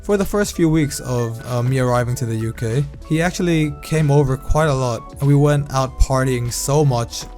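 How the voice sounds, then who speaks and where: A man's voice: mid-range voice, moderate pace, few pauses, faint music behind. Young man chatting over gameplay. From Thailand. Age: young adult. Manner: relaxed, candid, conversational, reacts loudly during gameplay. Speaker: vlogger. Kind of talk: casual storytime narration over gameplay.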